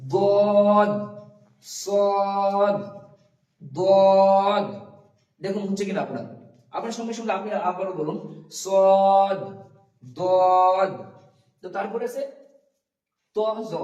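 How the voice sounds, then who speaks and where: High-voiced man teaching Arabic letters. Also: darkish tone, reverberant, distant mic, rough recording. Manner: drawn-out letter sounds, repeating for learners. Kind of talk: pronunciation lesson.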